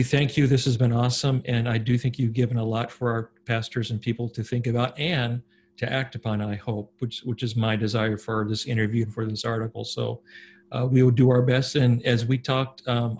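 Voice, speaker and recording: A man's voice: mid-range voice, flat delivery, brisk, darkish tone, a little hiss or hum. A man speaking as an interviewer in an earnest, conversational way. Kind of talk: casual interview talk.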